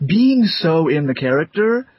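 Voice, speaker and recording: A young man with a fairly high, husky voice talks in an animated, rambling way. He speaks from his desk into a dry, lo-fi recording. The sound is dull, with no room echo. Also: unhurried. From America. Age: young adult. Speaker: voice actor, interviewee. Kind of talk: casual interview chat.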